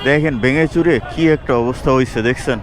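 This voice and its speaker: A man's voice: mid-range voice, steady tone, brisk, music in the background. A man from Bangladesh, a motorcycle vlogger, talking bluntly and plainly and mixing in English phrases. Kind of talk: casual vlog talk. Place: outdoors on a city street.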